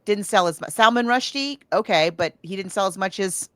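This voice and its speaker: A woman with a mid-range voice speaks briskly on a dry recording. As a podcast co-host chatting casually about books and films, she rambles like an animated storyteller and acts out quotes as she goes.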